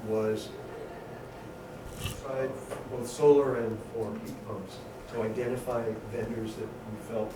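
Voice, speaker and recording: A man's voice: on the low side, steady tone, takes it slowly. Man explaining, distant in an echoey room. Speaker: committee member at a local meeting. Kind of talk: informal explanation in a meeting. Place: indoor meeting room. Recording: distant microphone, echoey noisy meeting room.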